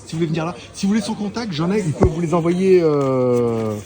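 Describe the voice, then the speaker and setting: A man's voice: a little high, fairly quick, a crowd in the background. A man vlogging casually while walking through an electronics market, rambling, laughing often and swearing. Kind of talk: casual walk-and-talk vlog. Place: busy electronics market, indoors. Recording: noisy market ambience.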